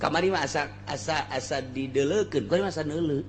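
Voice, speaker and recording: This Islamic preacher and teacher, a man with a Sundanese accent, delivers an informal sermon with Arabic recitation in a colloquial, earthy style, repeating phrases for emphasis. He talks fast in a voice on the high side, with slight background noise.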